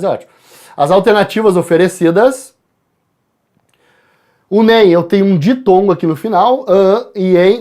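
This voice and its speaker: A man from Brazil, a teacher walking students through exam answers, calling out letters and addressing the class. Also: high-pitched. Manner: lively, addresses students directly, spells out letters.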